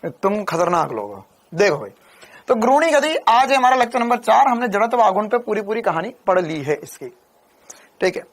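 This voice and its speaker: A man's voice: sits high, big pitch swings, moderate pace. A young man teaching a physics class in a casual, chatty way, talking to students like friends. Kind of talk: casual Hindi lecture.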